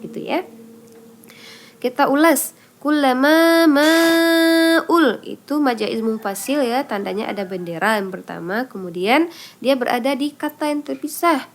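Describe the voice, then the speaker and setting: A woman with a fairly high voice teaching Quran recitation. She explains patiently and step by step, asking questions and answering them herself. She lingers on each example syllable, stretching it out slowly. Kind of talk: online tajwid lesson.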